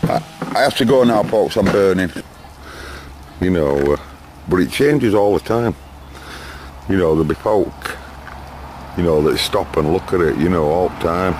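A man's voice: deep voice, animated, normal speed, long pauses, a little mellow, slight background noise. A man chatting and laughing to the camera as he films outdoors, heard through old camcorder audio. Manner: chatty, laughs between remarks. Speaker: home video maker. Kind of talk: rambling casual chat to camera. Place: outdoors in a garden on a sunny day. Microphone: built-in camcorder mic.

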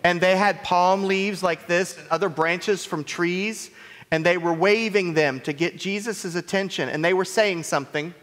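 A man's voice: high voice, normal speed, a bit bright. A man giving a children's message in a church sanctuary, playful and asking the children many questions. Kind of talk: children's sermon. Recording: echoey church hall reverb.

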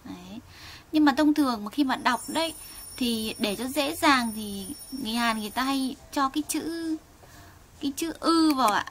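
A woman's voice: high-pitched, animated, fairly bright tone, slight background noise. Woman teaching Korean, patient drill. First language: Vietnamese. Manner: slow, patient, drills sounds for students to repeat. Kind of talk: online language lesson, reading aloud for learners.

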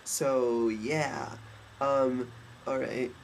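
On his desk webcam in his bedroom, a young man vlogs in a campy, cheeky way, tossing off quick asides. His medium-pitched voice is stuffed and nasal with fairly even intonation, and the recording carries a little hiss or hum.

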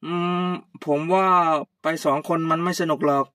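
A woman's voice: low voice, fairly even intonation, normal speed, no echo, clean studio sound, recorded from a distance, close to an everyday voice. A woman doing an easygoing young man.

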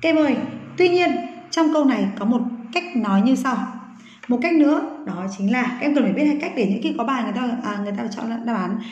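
A woman's voice: fairly high pitch, lively intonation, fast talker, darkish tone. A woman teaching an English grammar lesson, coaxing her students and checking with them again and again. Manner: coaxing, keeps asking "đúng không ạ". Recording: echoey room, dull lo-fi sound.

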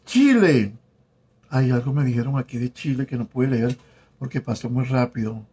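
Brief: man, 40s, husky mid-pitched voice, affectionate live-stream host reading out names. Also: flat delivery. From Venezuela. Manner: warm, flirtatious, reads viewer names aloud haltingly. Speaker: host of a live stream chat, former telenovela actor. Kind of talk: casual live-stream chat reading comments. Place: home in South Florida.

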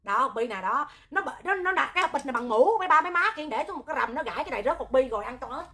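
A woman with a Southern Vietnamese accent hosting a livestream, talking loud, hot-tempered and animated, rambling with joking asides. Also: high-pitched, very fast. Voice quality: loud, piercing voice. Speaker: livestream host, charity oxygen volunteer. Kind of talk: livestream talk to viewers.

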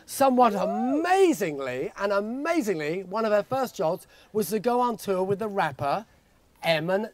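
A man's voice: high voice, very animated, moderate pace, dry recording. A man in his sixties giving a jokey father of the bride speech, reading from notes into a handheld microphone. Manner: jokey storytelling. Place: outdoor garden wedding reception. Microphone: handheld microphone held close.

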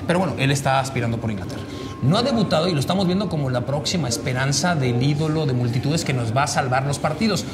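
A man in his forties from Mexico sits at a table in a small indoor room, chatting casually on a lapel mic. He talks quickly at a medium pitch, blunt and profane, with heavy slang and a lot of gesturing. The audio is roomy, with crowd noise and steady background noise.

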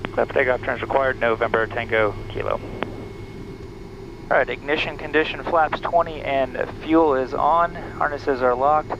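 Seated in a small plane's cockpit, a bush pilot in his thirties speaks through a headset, calmly going through each checklist item in order for a cockpit vlog and on radio calls. His medium-pitched voice moves at a moderate pace and sounds slightly muffled, with loud, steady engine noise beneath everything he says.

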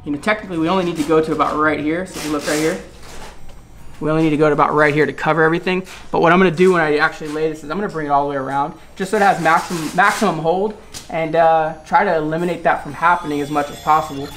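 A man's voice: on the high side, fairly even intonation, fairly bright tone, slight background noise. A man explaining vinyl wrap work step by step in a large indoor car shop, talking practically to the camera. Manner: quick, practical, instructive.

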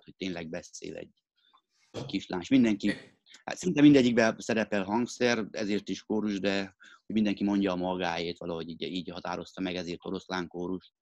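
A man's voice: on the low side, no echo. A man in a casual pub chat who explains things at length with dry humor.

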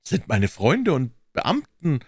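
A man voicing a smooth, evasive older male asylum director with a lively, insisting manner. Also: medium pitch, slow pace, no echo, studio quality, heavily acted. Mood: insistent, courtly.

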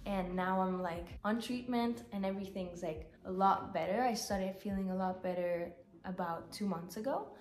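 A woman's voice: mid-range voice, moderate pace, darkish tone. A young woman, a non-native English speaker sick with a blocked nose, chats candidly and casually in a congested, slightly shaky voice. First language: not native English speaker. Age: young adult. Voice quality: congested, stuffy-nosed. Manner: candid, informal, swearing. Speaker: vlogger. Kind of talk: casual personal vlog chat. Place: small bare bedroom, indoors, sitting on a bed. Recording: echoey room.

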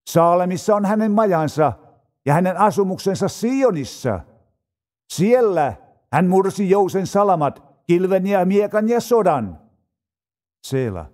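A man reading psalms aloud in a slow, solemn manner, drawing out his phrases. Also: high-pitched, darkish tone. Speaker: scripture reader.

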